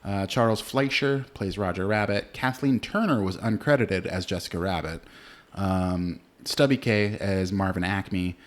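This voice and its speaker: A man co-hosting a podcast, chatting casually about a movie, relaxed and swearing now and then, with plenty of filler words. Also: deep voice, unhurried. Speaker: podcast co-host. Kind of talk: casual movie review chat.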